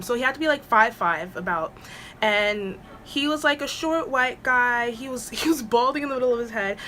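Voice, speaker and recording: Chatting from home while an air purifier runs, a woman vlogger tells a rambling storytime packed with "like"s and restarts. Her voice leans high with a sharp edge, and a slight hiss or hum sits in the audio.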